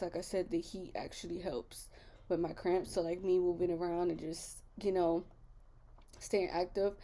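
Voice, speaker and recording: A woman's voice: lowish voice, warm tone. A young woman, chatting candidly to her viewers in a casual vlog, full of fillers. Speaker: vlogger. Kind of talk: casual chat.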